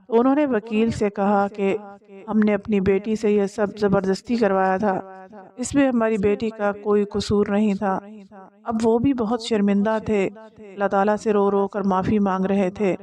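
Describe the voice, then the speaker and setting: A woman narrating a moral story in a steady, solemn way. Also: medium pitch.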